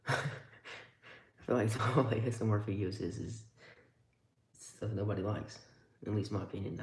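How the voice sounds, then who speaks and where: A man's voice: on the low side, a little mellow, reverberant, a little hiss or hum. A man streaming live, giving casual, rambling commentary with wry remarks as he handles tools.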